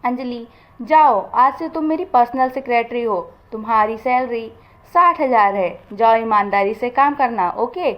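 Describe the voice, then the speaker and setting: Storybook narrator's take on a stern, demanding male boss, read by a woman: high voice, brisk orders, dull lo-fi sound. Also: natural voice. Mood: commanding. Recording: dull lo-fi recording.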